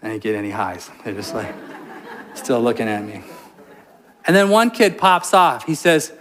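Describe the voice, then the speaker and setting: A man's voice: mid-range voice, moderate pace, a little hiss or hum. A man preaching a sermon as a pastor, telling a funny story with lots of jokes before turning to scripture teaching. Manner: storytelling, animated and joking.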